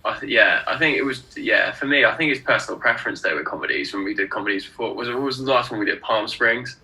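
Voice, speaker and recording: A man on a film review panel chatting casually over a video call, emphatic and quick to repeat his praise. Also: mid-range voice, pushed and bright, low-quality recording. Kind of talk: casual roundtable chat.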